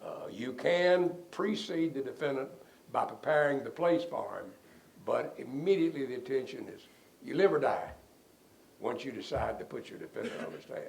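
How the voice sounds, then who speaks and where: Older male lawyer, gravelly voice, folksy anecdotal interview delivery. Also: mid-range voice, moderate pace. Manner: rambling, relaxed storyteller who chuckles at his own stories. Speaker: defense lawyer being interviewed.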